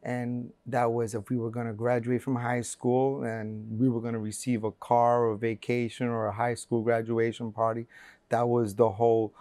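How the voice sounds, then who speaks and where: Recorded dry on a lapel mic in a bright room with big windows, this interview guest speaks at a normal speed with a level, mellow, medium-pitched voice. He's a man in his forties from Colombia. He tells his life story earnestly, full of fillers and restarts.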